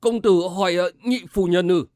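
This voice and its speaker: A man's voice: high-pitched, a little mellow, smooth, no room sound, studio quality, lightly acted. Man doing a shaky old gatekeeper. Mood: timid, hesitant. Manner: slow, quavering, hesitant with fillers. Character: old male servant gatekeeper, timid and shaky.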